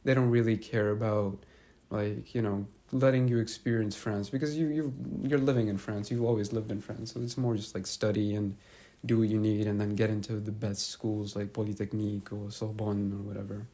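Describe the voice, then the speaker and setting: A man's voice: lowish voice, flat delivery, fairly quick, few pauses, dark tone. A young man hosting a casual interview, easygoing and affirming as he talks. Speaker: host.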